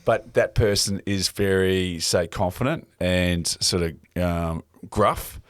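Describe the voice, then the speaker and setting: A man's voice: sits low, takes it slowly, no echo, studio quality. A man hosting a casual chat in a sauna, rambling with lots of fillers and frequent laughter. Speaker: podcast host.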